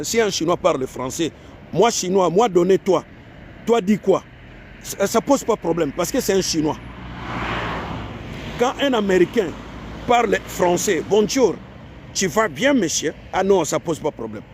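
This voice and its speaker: A man from Africa lectures his viewers in a fairly high voice, repeating his points and firing off rhetorical questions. Faint street and traffic noise sits under the recording. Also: darkish tone. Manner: repetitive, exhorting, rhetorical questions. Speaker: online commentator. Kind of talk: emphatic monologue to viewers.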